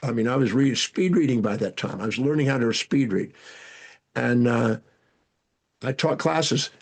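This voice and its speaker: An older man, a guest speaker and educator, telling animated stories from his life in an interview, with frequent restarts. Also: mid-range voice, moderate pace, vocal fry. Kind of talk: storytelling interview answers.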